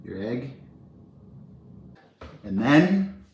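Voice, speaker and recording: A man's voice: medium pitch, sing-song, extremely slow, echoey room, slight background noise. A man hosting a casual cooking tutorial, chatty and enthusiastic, often restarting his sentences. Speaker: cooking channel host.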